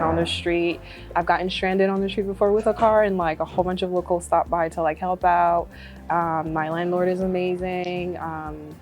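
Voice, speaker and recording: Her voice is fairly low and darkish. A twentysomething Congolese medical student, she laughs often and uses many fillers while speaking casually in a testimonial interview, with faint music underneath.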